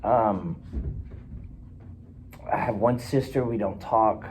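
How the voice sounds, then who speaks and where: A man voices a weary fifty-one-year-old client sent in by the court, hesitant and halting as he talks through a hard past. His voice sits a little low and sounds mellow and warm. A faint hiss runs under the counseling role-play. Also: low-quality recording. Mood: subdued. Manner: hesitant, halting, quietly earnest.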